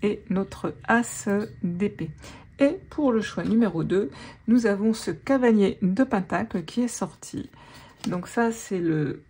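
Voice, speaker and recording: A woman's voice: mid-range voice, expressive, slow, a little mellow, husky. A woman giving a casual tarot guidance, chatty, with many fillers and restarts. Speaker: tarot reader.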